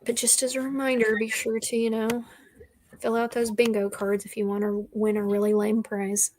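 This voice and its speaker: A woman chats from home on a video call, playful and quick to laugh as she co-hosts a reading livestream. Her voice sits a little high, and she keeps things light and teasing. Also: level tone, a little mellow, a little hiss or hum. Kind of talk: casual chat.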